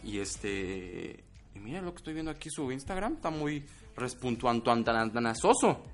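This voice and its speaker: A man's voice: mid-range voice, big pitch swings, moderate pace, soft background music. A Mexican man hosting a casual podcast, chatty and playful. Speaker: podcast host.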